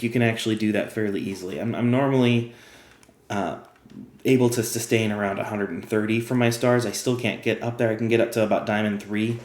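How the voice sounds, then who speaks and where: A man with a slightly low voice that is wearing thin, as he says himself. He talks casually and explains the rules step by step while he plays. The room gives his voice a noticeable echo. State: losing his voice. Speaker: game guide creator. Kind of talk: casual gameplay tutorial.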